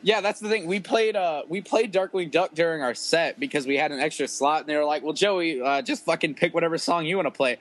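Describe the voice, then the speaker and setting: A man's voice: fairly high pitch, fairly quick, hardly any pauses, fairly bright tone, poor audio. A man casually telling a rambling, profane story about playing a show with his rap group, full of fillers.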